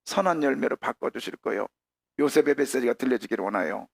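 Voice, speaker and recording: Gravelly-voiced preaching Korean pastor. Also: male voice, mid-range voice, fast talker, dry recording. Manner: animated preaching with sudden shouted peaks; acts out prayers in a conversational voice. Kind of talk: sermon. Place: church sanctuary.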